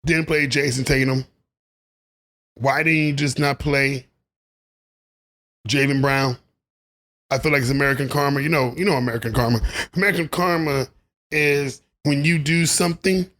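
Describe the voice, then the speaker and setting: Guy ranting about basketball, kinda high voice, goes off on tangents and laughs at himself. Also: bright, forceful tone. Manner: rambling and opinionated, laughs at his own asides. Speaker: sports commentary vlogger. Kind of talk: casual basketball commentary monologue.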